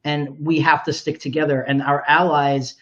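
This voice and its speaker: A man's voice: fairly high pitch, level tone, normal speed, fairly bright tone, highs cut off. A man, a film director, speaking earnestly and emphatically on a festival Q&A panel.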